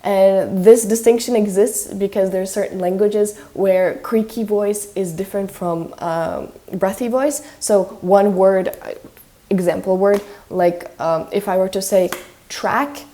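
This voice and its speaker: A woman talks through how speech sounds and tones work in a relaxed, conversational way. She says example sounds aloud as she goes and hedges her attempts. Her voice is soft and mellow rather than bright. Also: medium pitch, measured pace. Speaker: language-learning video creator. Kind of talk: casual explanatory talk.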